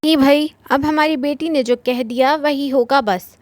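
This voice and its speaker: A woman narrator voicing a gentle, indulgent middle-aged father who soothes his family with affection. The voice stays high and dry, close to the mic. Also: fairly even intonation, measured pace, no echo. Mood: affectionate.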